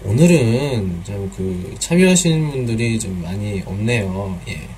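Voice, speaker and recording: A man's voice: fairly low pitch, lively intonation, unhurried, darkish tone, a little hiss or hum. A man teaching pronunciation in a live online class, patiently repeating drill sounds and mixing in some Chinese words.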